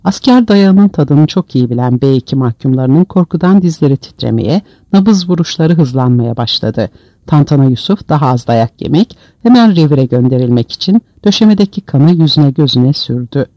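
A man's voice: on the high side, animated, moderate pace, dark tone, no room sound. A man narrating an audiobook in a dramatic storytelling manner, on a dull, dry lo-fi recording.

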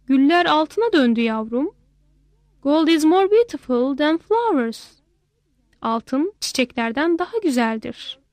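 A woman reading aloud plays a greedy king who loves gold, soothing his child in a gentle, unhurried way. Her voice sits high and the story moves at a very slow pace. The sound is close and completely dry. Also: big pitch swings, dry recording. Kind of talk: bilingual read-aloud story.

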